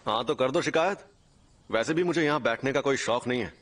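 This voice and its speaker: A man's voice: mid-range voice, fairly quick, over loud music, lightly acted. A man voicing a cocky, carefree young male sorcerer in an anime dub, teasing and taunting everyone.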